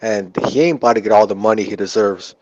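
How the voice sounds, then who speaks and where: A man's voice: fairly low pitch, quick pace, darkish tone, dry recording. A man chatting loosely about boxing over a remote call whose connection keeps breaking up and turning choppy. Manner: loose, slangy, rambling. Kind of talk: casual boxing chat. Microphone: remote call audio. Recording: dull lo-fi remote call line.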